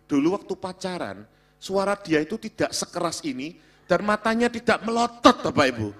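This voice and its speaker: A man shares the pulpit at a church revival. His voice is high and bright, and he adds short asides to the congregation. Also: animated, a little fast. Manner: chiming in with short interjections and asides. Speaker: pastor co-preaching with his wife. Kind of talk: sermon-style talk to a congregation.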